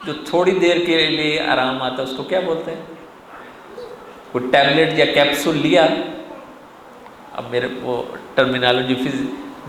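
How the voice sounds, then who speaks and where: Man giving an animated lecture in an echoey hall. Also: fairly high pitch. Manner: animated, addresses the audience directly with frequent rhetorical questions. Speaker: religious lecturer. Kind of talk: sermon-style parenting lecture. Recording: echoey hall with faint room noise.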